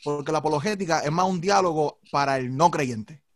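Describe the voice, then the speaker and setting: A man's voice: on the high side, a little fast. A man hosting a casual podcast, rambling and jokey, often asking if you follow him. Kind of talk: casual chat.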